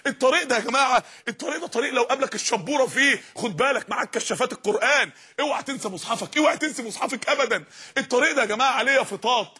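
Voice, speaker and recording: A man with an Egyptian Arabic accent preaching an impassioned sermon, often shouting. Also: extremely high pitch, rapid-fire, breathy edge.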